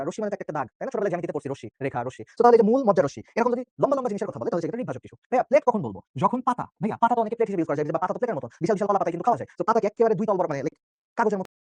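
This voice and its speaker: A young man from Bangladesh gives an online biology lecture at a very rapid clip. His voice sits high and the sound is dry and close. He is chatty and joking, and keeps checking in with his students. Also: no room sound. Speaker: biology tutor. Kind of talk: online exam-prep lecture.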